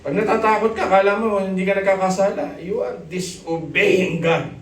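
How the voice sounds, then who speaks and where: A middle-aged man with a Filipino accent preaching a sermon, animated and joking, mixing Tagalog with English. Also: sits high, normal speed, distant mic. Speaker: pastor. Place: church hall. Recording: echoey church hall, from off the mic.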